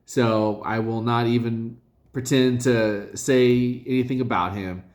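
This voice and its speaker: A man casually reviewing his fantasy league's draft picks, talking in a halting, rambling way with many fillers and self-corrections. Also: medium pitch, fairly even intonation, a little mellow.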